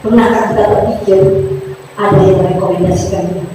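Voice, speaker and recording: A woman's voice: mid-range voice, fairly even intonation, fairly quick. Woman preacher, emphatic and sing-song. Recorded from far off in a reverberant hall with faint noise. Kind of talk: sermon.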